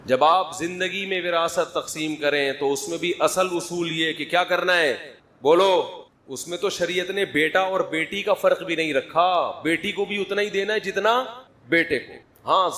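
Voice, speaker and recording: A middle-aged man delivers a sermon in a chatty, humorous way. He keeps prodding his listeners for answers, and his voice sits a little high for a man. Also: a bit bright. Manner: conversational, humorous, prods the audience for answers. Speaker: religious scholar.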